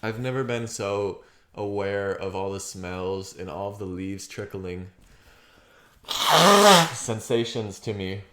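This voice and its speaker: A man talking through his feelings in a rambling, halting, reflective monologue, clearing his throat often and swearing casually. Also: on the low side, fairly even intonation, reverberant, a little hiss or hum. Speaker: vlogger. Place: outdoors on a property.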